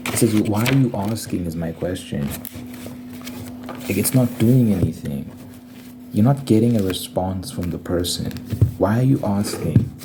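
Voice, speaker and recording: Young guy w a deep voice rambling and griping casually in an asmr vid, super noisy audio w clicks. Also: lively intonation, measured pace. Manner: informal, slangy, complaining. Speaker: ASMR video creator. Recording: noisy recording with clicking sounds.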